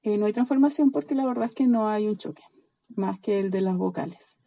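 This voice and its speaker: A woman's voice: mid-range voice, fairly quick, gravelly, warm tone, no echo, low-quality recording. A Chilean woman teaching a recorded online lesson, drilling word endings one by one and checking often that students follow. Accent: Chilean Spanish. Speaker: biblical Greek teacher.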